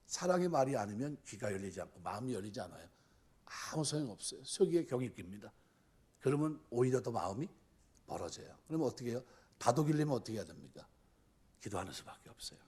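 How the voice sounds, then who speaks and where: Pastor, male, middle-aged, husky mid-pitched voice, preaching with rhetorical questions to the pews. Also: very animated, fast talker, darkish tone. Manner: rhetorical questions to the congregation, acts out quoted voices. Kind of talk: sermon.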